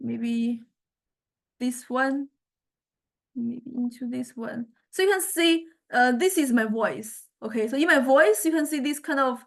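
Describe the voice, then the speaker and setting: This female lecturer, with a somewhat high voice and some vocal fry, guides listeners through a loose software demonstration. She talks haltingly and thinks aloud, feeling her way toward each word.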